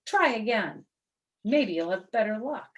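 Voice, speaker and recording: A woman voicing a wily, cheerful trickster man in a storybook, with an animated, coaxing, mock-innocent manner. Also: a little high, measured pace, pitched above the performer's own voice. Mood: sly, mock sympathetic.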